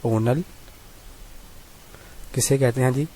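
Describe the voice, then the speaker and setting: A man teaching a Korean reading lesson, reading sentences slowly and repeating them, then asking and answering his own questions politely. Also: mid-range voice, steady tone, mellow. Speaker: language teacher.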